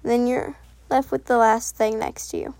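A woman narrating a second-person audio story in a soft, unhurried read, now and then correcting herself. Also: fairly high pitch, wildly swooping pitch.

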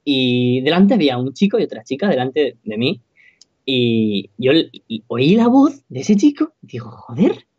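A young man, co-hosting a casual podcast and telling an anecdote in a relaxed way. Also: medium pitch, normal speed, no echo. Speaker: podcast co-host. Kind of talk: casual chat. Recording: dull, dry, lo-fi sound.

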